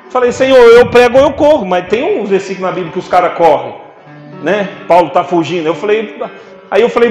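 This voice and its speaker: A man preaching a sermon, telling stories with humor and calling on the congregation to respond. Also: very high voice. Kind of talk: sermon with storytelling. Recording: echoey church hall.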